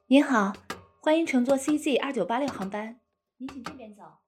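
A woman playing a flight attendant, polite and formal, greeting and addressing passengers like a cabin announcement, with a breathy voice. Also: high voice, normal speed, reverberant, big-room sound, faint music behind, natural voice.

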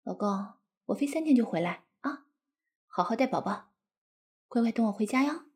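A woman playing a coquettish, doting young wife in an intimate audio role-play, cutesy, pouty and wheedling, with a breathy voice. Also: fairly high pitch, animated, moderate pace, a little mellow. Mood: doting, reassuring.

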